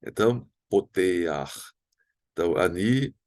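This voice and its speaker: A man with a Brazilian Portuguese accent teaching a recorded Hebrew lesson, patiently explaining and slowly sounding out words. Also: sits low, animated, a little mellow, dry recording, clean studio sound. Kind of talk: recorded online language lesson.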